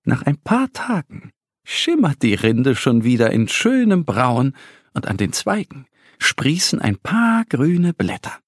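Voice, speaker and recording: A man narrating a children's story in a slow, expressive storytelling manner, recorded close in a studio. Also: medium pitch, breathy edge, dry recording.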